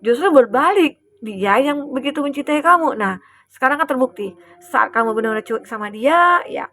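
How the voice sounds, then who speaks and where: A woman's voice: high-pitched, animated, moderate pace, a little hiss or hum. A woman with an Indonesian accent giving a casual general tarot reading, chatty and full of fillers, acting out what the other person thinks. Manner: chatty, many fillers and acted quotes, soft asides. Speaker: tarot reader.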